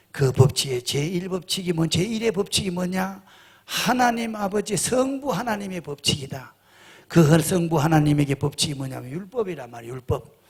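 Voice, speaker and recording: A man's voice: a little high, breathy edge. A middle-aged male pastor preaching a sermon, emphatic, often firing rhetorical questions at the congregation.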